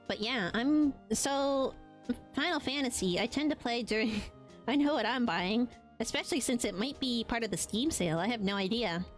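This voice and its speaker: With faint music in the background, a game streamer from Latin America speaks to her viewers in a slightly high voice at a moderate pace. She's casual and affectionate, sounds tired after streaming for a long time, and fills pauses with frequent ums.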